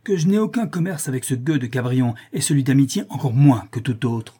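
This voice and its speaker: A man's voice: mid-range voice, expressive, normal speed, dark tone, slightly rough. A man voicing a despairing old male porter who is easily upset, in a read-aloud novel. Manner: dramatic, wailing complaints.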